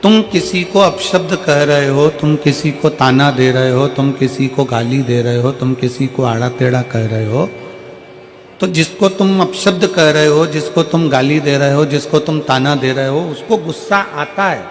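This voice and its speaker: Male devotional preacher, higher voice, repetitive rhetorical delivery, reverberant hall with music bed. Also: normal speed. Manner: repetitive rhetorical preaching, asks crowd to answer. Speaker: katha preacher. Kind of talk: devotional sermon with bhajan singing.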